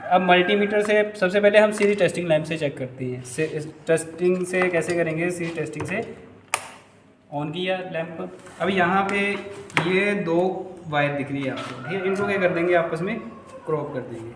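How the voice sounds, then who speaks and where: A man's voice: high-pitched, normal speed, roomy sound, background noise. A man with a Hindi accent showing a repair step by step, asking himself questions and answering them as he works. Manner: talks while working, rhetorical questions, repeats "ठीक है". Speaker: electrical repair instructor. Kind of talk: hands-on repair tutorial.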